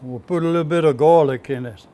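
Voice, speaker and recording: A man's voice: on the high side, fast, mellow. An elderly man with a Cajun Louisiana accent, casually telling stories and explaining his home cooking in plain, folksy short phrases. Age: elderly, 70s or older. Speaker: home cook and storyteller. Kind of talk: casual cooking demonstration and storytelling. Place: home kitchen, indoors. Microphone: lapel microphone. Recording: clearly audible room and kitchen noise.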